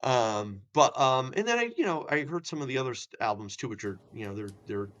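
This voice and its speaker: A musician guest in casual chat, talking in rambling, searching sentences with many "you know"s. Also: male voice, medium pitch, very animated, brisk, fairly bright tone.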